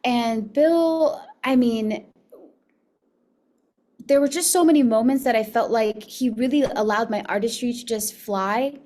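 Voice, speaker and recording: A woman's voice: a little high, unhurried, warm tone. A young woman from Miami, an actress guest chatting casually in an interview, filling her talk with likes and laughs. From Miami, United States. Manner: chatty, laughs often, many fillers.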